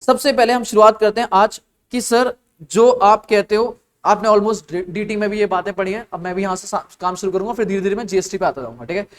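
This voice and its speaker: A man's voice: sits high, brisk. A young Indian man teaching a classroom lecture, quizzing students with short repeated questions and answering them himself.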